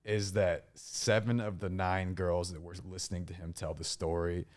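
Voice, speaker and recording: A young man with a very deep voice tells a story on a casual podcast. He talks in a crude, animated way and swears a lot. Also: moderate pace. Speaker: podcast co-host.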